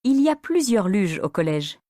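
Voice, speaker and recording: A woman narrating a story for beginner language learners in a clear, expressive manner. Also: medium pitch, normal speed, no echo, studio quality.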